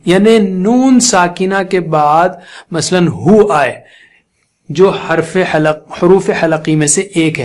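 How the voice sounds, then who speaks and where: A man teaching Quran recitation rules in a patient, step-by-step lesson, slowly demonstrating and repeating each sound, with a Pakistani Urdu accent. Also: high-pitched.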